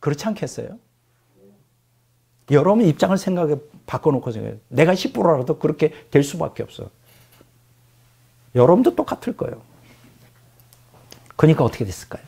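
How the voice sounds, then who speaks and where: A man's voice: a little high, fairly quick, vocal fry, pauses often, husky. A male pastor preaching a storytelling sermon who keeps putting questions to his congregation. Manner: animated, addresses the congregation with questions.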